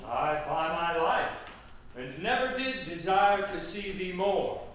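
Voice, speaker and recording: Man acting a high-pitched, swooping, scornful Lysander. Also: expressive, takes it slowly, a bit bright, heavily acted. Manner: declamatory, exaggerated stage delivery. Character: scornful, lovestruck young Athenian gentleman. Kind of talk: staged reading of Shakespearean comedy. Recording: echoey room from far off, faint noise.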